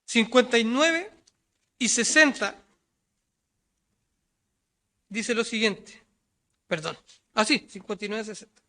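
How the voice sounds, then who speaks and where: A male preacher with a Chilean Spanish accent takes his sermon slowly, with long pauses and lively intonation. He reads scripture aloud, answers his own rhetorical questions, raises his voice loud and high to quote the crowd, and lowers it quietly for asides.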